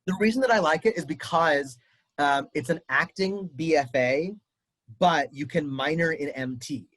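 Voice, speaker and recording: A man's voice: on the high side, moderate pace, fairly bright tone, no room sound, low-quality recording. A man coaching a family on college auditions over a video call, chatty and upbeat with lots of fillers. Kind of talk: casual advice on a video call.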